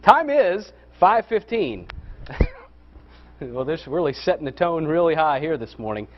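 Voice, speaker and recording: A man with a slightly high voice ad-libs a live TV forecast. He keeps trying to hold down giggles that slip into his speech. The sound is a little dull and lo-fi. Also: very animated, unhurried. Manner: stifling giggles, chuckling through his words. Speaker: TV weather presenter.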